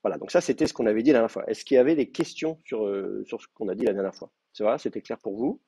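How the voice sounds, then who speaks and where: Gravelly low-voiced French lecturer, hesitant. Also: male voice, quick pace, dark tone. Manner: hesitant, many fillers and restarts. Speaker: lecturer in Hebrew Bible. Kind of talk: university lecture. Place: classroom, also streamed to remote students.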